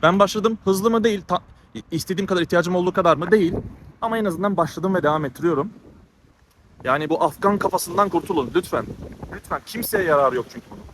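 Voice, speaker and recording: A fairly high-pitched man talks into a handheld camera as he walks down a street, audibly out of breath. He speaks in a heated, ranting way and keeps repeating his points. Clear street noise sits around his voice. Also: fast, fairly bright tone. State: out of breath from walking. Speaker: travel vlogger. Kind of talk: walking vlog monologue. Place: outdoors on town streets. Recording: noisy outdoor street recording.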